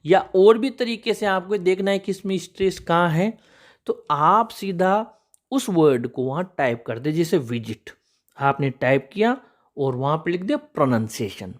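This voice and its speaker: Guy teaching english spelling rules, voice bounces up and down a lot, goes slow through examples, keeps saying friends. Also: high voice, lively intonation. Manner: patient, walks through examples step by step; addresses viewers as friends.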